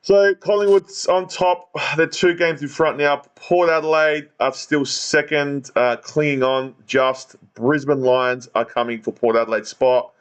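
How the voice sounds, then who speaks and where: A man's voice: fairly high pitch, steady tone, measured pace, hardly any pauses, smooth. A man with a broad Australian accent hosting a casual football podcast, blokey and given to repeating himself. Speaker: podcast host.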